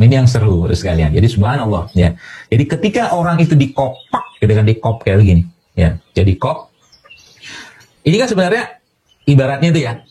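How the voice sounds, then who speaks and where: A man's voice: mid-range voice, warm tone, husky. A man from Indonesia giving a health talk to an audience as a doctor, explaining with everyday analogies and a lot of fillers.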